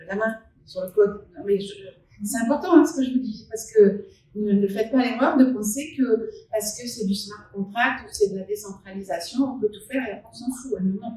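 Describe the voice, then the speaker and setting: A woman's voice: medium pitch, mellow, far from the mic. Woman panelist in an echoey hall. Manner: hesitant, many restarts and fillers, emphatic. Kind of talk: conference round-table discussion. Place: conference hall at a live event. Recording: very echoey hall, recorded from afar.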